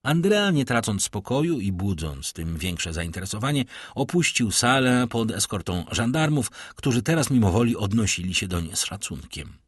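A man narrating an audiobook in a measured, dramatic storytelling manner. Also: on the low side, sing-song, slightly rough, no room sound, studio quality.

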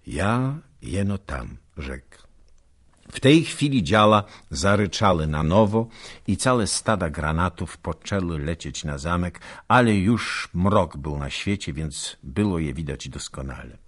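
A man narrating a historical novel in an unhurried, expressive reading. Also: deep voice. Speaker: audiobook narrator.

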